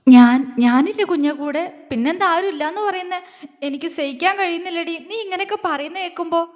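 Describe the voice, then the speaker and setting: Woman voicing a gentle, choked-up young man. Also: very high voice, fairly quick, in a large hall, pitched above the performer's own voice. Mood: tender. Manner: soothing, voice breaking with emotion. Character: tender young man comforting his love, choked up.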